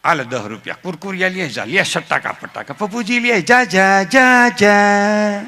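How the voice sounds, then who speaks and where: A man with a Saurashtra Gujarati accent voicing a fussing, overprotective village mother who coaxes softly. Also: sits high, animated, unhurried, heavily acted. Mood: coaxing. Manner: coaxing, soft and cooing.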